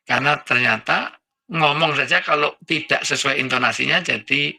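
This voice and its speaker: A man's voice: fairly high pitch, moderate pace, gravelly, sharp tone. A middle-aged man preaching with humor as a talk-show guest, full of jokes and little acted-out exchanges. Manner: joking, acts out little dialogues and sounds.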